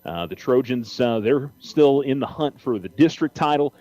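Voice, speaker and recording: A man's voice: mid-range voice, expressive, normal speed, warm tone. An American man hosting a sports radio show, talking off the cuff through baseball pregame commentary with frequent hesitations.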